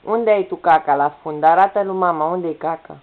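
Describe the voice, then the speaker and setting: A young woman at home filming her toddler, coaxing her with playful, repetitive baby talk. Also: fairly low pitch. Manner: coaxing, repetitive prompts to a small child. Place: home, in a room with a bed. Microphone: camera's built-in mic. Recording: tinny lo-fi home camera audio with faint noise.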